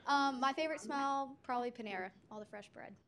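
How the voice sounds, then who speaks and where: Giggly young woman intro-ing herself, high voice, crowd chatter all around. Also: quick pace. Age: young adult. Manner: giggly, flustered. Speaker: student committee member. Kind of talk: self-introduction.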